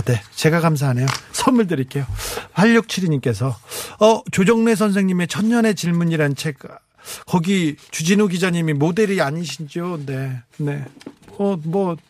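A man hosting a late-night radio show, chatting and reading listener messages with warm, teasing asides. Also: sits high. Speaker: radio DJ host. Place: radio studio. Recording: music playing faintly behind.

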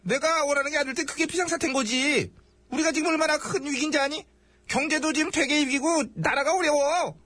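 A woman's voice: high voice, fairly quick, a bit bright, dry recording. A woman playing a petulant, short-tempered, self-important king in a satirical comedy sketch, scolding and whining sarcastically. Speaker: podcast comedy host.

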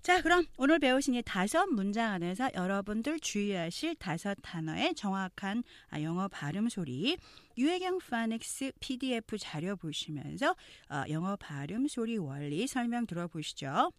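Korean lady explaining english phrases, lively voice, says them nice and slow. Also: medium pitch, no echo. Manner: explains clearly, models English phrases slowly. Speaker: English pronunciation teacher. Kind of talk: language lesson narration.

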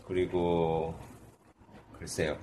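A young man from Seoul with a very low voice speaks as a guest in a casual interview. He answers politely and briefly, with some halting, over faint background noise. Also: level tone, warm tone. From Seoul, South Korea. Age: 20s. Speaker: podcast guest introducing himself.

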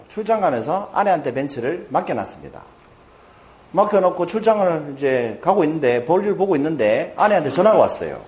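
A man lecturing to a live audience, his voice sitting a little high for a man and swinging widely in pitch. He tells stories and keeps turning questions back to the listeners. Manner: animated, asks the audience questions. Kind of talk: motivational lecture with storytelling.

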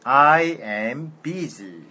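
Slow-speaking bright-voiced male student. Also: mid-range voice, animated. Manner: slow, compliant, brief replies. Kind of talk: repeating after a teacher.

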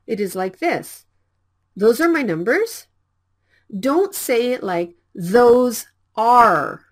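Woman English teacher, slow and deliberate, clear lesson delivery with an animated, slightly high voice. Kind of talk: scripted language lesson.

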